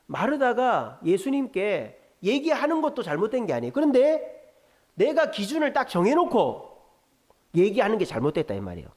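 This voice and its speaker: A man's voice: high voice, wildly swooping pitch, normal speed, darkish tone. A man preaching a midweek sermon in a church, explaining scripture and acting out the quoted lines in a raised voice. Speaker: pastor.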